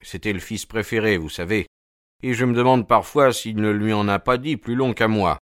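A man voicing a nervous, fussy gentleman who talks in an anxious, hurried way. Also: lowish voice, no echo, studio quality, lightly acted.

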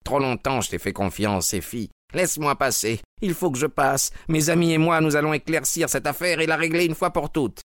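Brief: a man playing a shaken husband in a read-aloud story, tense and urgent, raised pitch. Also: fairly quick, few pauses, fairly bright tone, no echo, clean studio sound, lightly acted. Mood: agitated. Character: agitated, determined husband, man.

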